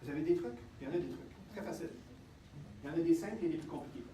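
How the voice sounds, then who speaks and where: A man with a Quebec French accent gives a lively talk to a live audience. He keeps checking in with the listeners. His voice sits high, and it is picked up from a distance in an echoey room with faint ambience. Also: very fast, a little hiss or hum. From Canada. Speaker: health speaker.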